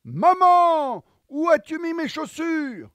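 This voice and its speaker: A man's voice: very high voice, big pitch swings, slow pace, fairly bright tone, no echo, pitched above the performer's own voice, heavily acted. A man voicing a messy little schoolgirl in a storybook, whiny and pleading with her mother. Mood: puzzled.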